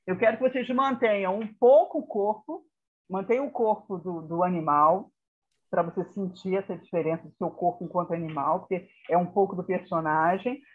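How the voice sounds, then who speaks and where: A woman facilitator giving directive instructions in a theatre workshop over a video call. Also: mid-range voice. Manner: directive, checks in with "tá?" and "ok". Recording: muffled video call audio.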